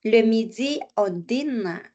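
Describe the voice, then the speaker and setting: A woman teaching French at an unhurried, deliberate pace. She explains exercises patiently, repeats each phrase and now and then slips into for her students. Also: fairly high pitch, expressive, warm tone. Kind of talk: online language lesson, explaining exercises.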